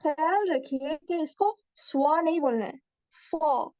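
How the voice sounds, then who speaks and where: A woman teaching Quran recitation in a slow, patient lesson, pausing to demonstrate letter sounds aloud. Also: high voice, darkish tone, dry recording. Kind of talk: slow explanatory lesson mixing Hindi-Urdu and English. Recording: dull lo-fi dry recording.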